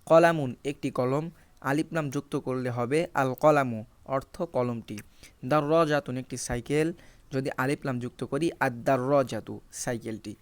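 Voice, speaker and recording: A man's voice: medium pitch, a little slow. A man whose first language is Bengali teaches an Arabic lesson, reading examples from a textbook and explaining each rule step by step.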